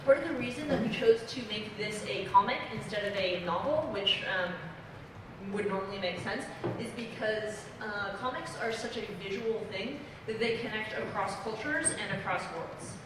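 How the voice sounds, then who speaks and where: A woman's voice: mid-range voice, normal speed. A young woman from Belgium speaking on a comics convention panel, explaining earnestly with many fillers. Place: convention hall. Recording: echoey hall, distant mic, noisy.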